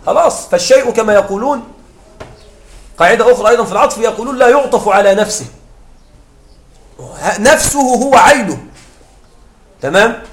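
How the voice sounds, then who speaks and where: A male grammar teacher lectures in a classroom, walking his students through example after example and pausing to ask whether they understand. His voice sits notably high for a man. The sound carries a clear echo from the room around him. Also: expressive. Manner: explains with repeated examples and checks understanding with questions.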